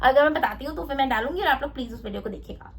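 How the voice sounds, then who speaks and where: Young female vlogger, high pitched, playful and chummy advice-giver. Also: rapid-fire, slightly rough. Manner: chatty, teasing, addresses viewers as buddies; acts out quoted lines in playful voices. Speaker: vlogger giving dating tips. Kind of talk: casual advice vlog.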